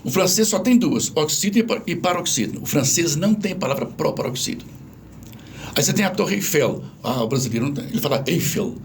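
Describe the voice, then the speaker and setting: A man's voice: a little high, fast, a little hiss or hum. A man with a Brazilian accent, a language professor explaining things patiently in an interview. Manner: didactic, animated, spells out examples.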